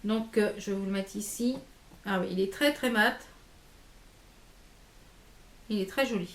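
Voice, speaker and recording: A woman's voice: medium pitch, a little fast, echoey room. A woman chatting casually through a beauty haul, with many fillers and restarts. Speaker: beauty vlogger. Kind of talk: casual haul video chat.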